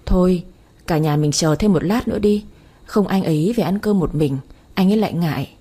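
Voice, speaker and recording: A devoted young wife, gentle and trusting, speaks softly to her husband, as a woman reads her part. The voice is low, husky and mellow. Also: brisk. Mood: pleading. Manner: gentle, pleading.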